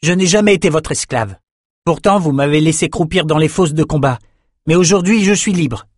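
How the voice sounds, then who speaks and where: A man's voice: fairly high pitch, moderate pace, no room sound, studio quality, voice pushed up, lightly acted. A man voicing a defiant young male swordsman held prisoner, speaking firmly and urgently in an audiobook. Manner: firm, urgent. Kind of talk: audiobook character reading.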